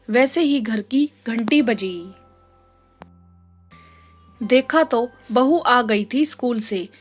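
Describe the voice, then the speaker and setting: A woman storyteller giving scripted narration of a moral story in a steady, even read-aloud way. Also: on the high side. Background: faint music.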